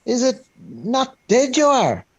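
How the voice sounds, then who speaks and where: A man's voice: extremely high pitch, huge pitch swings, slow pace, breathy edge, pitched above the performer's own voice, exaggerated voice. A man voicing a nervous, humble wandering tramp in a play reading. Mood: frightened. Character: uneasy wandering male tramp, wary and humble.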